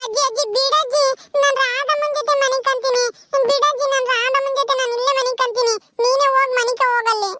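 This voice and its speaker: A small boy whines and begs to stay with his stepmother, voiced by a woman. His voice is extremely high and piercingly bright. He repeats himself in a pleading tone. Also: fairly even intonation, brisk, no echo, studio quality. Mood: whining. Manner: whiny, pleading. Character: small whining grandson.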